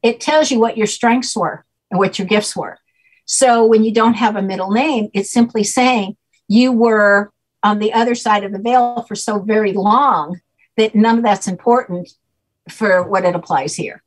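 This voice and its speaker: Husky older woman explaining patiently. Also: medium pitch, normal speed, rough recording. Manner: patient, teacherly, checks in with "okay?". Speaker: guest name expert. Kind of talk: explanatory interview talk. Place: home room, on a video call.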